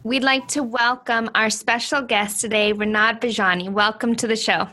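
A woman's voice: fairly high pitch, fairly even intonation, normal speed, pushed and bright. A woman co-hosting a ministry podcast from an office, explaining her ideas earnestly. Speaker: podcast co-host. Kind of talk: podcast conversation. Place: office in Toronto.

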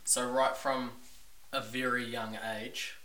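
Slow-paced and level, with a medium pitch and sharp tone, a New Zealander who owns a business speaks in his native accent as a podcast guest. He keeps the casual interview frank and laid-back, while the distant mic adds roomy echo and a faint hiss.

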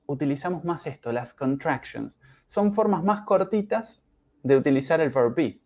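A man's voice: on the high side, a little mellow. A man teaching English on a podcast, patiently repeating each word for learners. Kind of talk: podcast language lesson.

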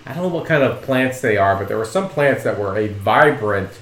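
A man's voice: fairly low pitch, animated, brisk, fairly bright tone. A man hosting a podcast, chatting casually in a friendly way and laughing often. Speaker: podcast host. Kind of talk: casual chat. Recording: roomy echo.

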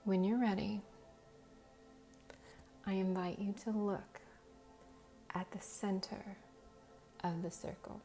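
A woman guiding a hypnosis relaxation in a slow, soothing, measured hypnotist manner, with long pauses and a soft voice that turns breathy at phrase ends. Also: mid-range voice, level tone, soft background music. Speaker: guided hypnosis and meditation host.

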